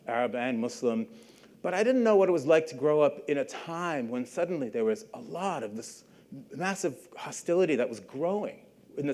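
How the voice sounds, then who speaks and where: Guest lecturing at a university, this middle-aged man from Canada speaks in a mid-range voice. He keeps things conversational, often pausing to ask the audience questions or tossing in a brief "right?"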